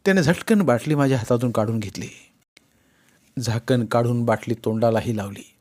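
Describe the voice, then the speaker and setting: A man narrating a novel in the first person, in a measured storytelling manner. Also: medium pitch, a little mellow. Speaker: audiobook narrator. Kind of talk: audiobook narration.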